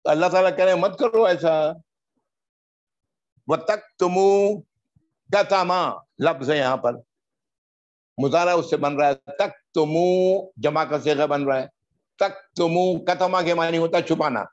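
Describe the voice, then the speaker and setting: A man teaching Quranic Arabic grammar word by word, drawing out each Arabic word slowly and then explaining it quickly. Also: on the high side, lo-fi sound. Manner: drawn-out recitation of Arabic words between quick explanations. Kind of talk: word-by-word grammar lesson in Urdu.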